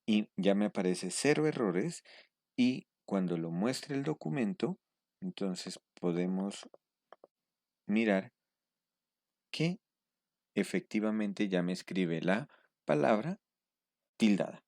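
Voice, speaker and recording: A man teaching step by step in a screen-recorded tutorial. He pauses often to check in with his students. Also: on the low side, expressive, a little mellow, no room sound, clean studio sound. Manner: patient step-by-step explaining, checking in with a questioning "mm". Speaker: instructor.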